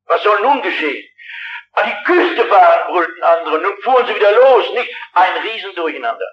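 In a large hall before a big audience, an older man delivers a revival sermon in a high, urgent voice with big pitch swings at normal speed, fervently and insistently pressing his listeners directly. The recording is dull and lo-fi, muffled like an old archive tape.

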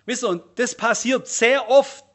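A man preaching a sermon, emphatic, rising loud and dropping low as he reels off lists. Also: steady tone, unhurried.

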